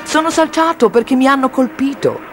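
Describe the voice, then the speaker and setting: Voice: high voice, expressive, a little fast, over music, pitched above the performer's own voice. A reader doing a breezy, chummy pilot. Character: cheerful stranded male aviator.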